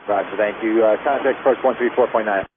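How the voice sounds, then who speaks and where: A man's voice: lowish voice, quick pace. A man working as an air traffic controller, giving terse, procedural instructions over aviation radio. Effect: aviation radio transmission. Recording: tinny radio link, clear static noise.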